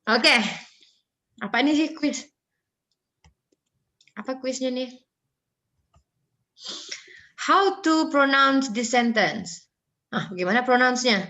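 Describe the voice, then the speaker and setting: A woman's voice: sits high, takes it slowly, pauses often, sharp tone. A woman lecturing on English phonology in a casual online class, chatty and joking with students, mixing in English terms.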